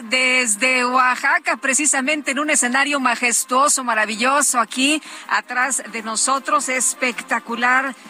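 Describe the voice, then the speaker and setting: A woman co-hosting a morning news broadcast from an open-air terrace, chatty and lively, with many fillers. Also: high voice, a little slow, few pauses. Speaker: news co-host reporter.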